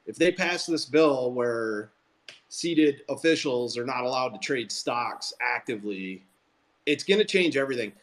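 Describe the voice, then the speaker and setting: Casting: male call host, mid pitch, rambling opinions, chatty and casual. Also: animated, measured pace, fairly bright tone. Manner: rambling, self-interrupting, opinionated. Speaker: host of a Twitter Spaces call. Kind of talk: casual group call chat.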